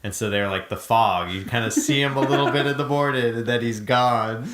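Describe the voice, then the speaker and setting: A man's voice: medium pitch, brisk, reverberant. A man hosting a podcast, telling a story in casual chat, rambling with lots of fillers. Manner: relaxed, rambling storytelling with many fillers and laughs. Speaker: podcast host.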